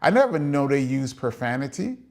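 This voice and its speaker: A man's voice: medium pitch, sing-song, brisk, vocal fry, darkish tone. A middle-aged man with a New York accent, hosting a casual live chat and reading out viewer comments, chatty, with frequent "um" fillers and laughs.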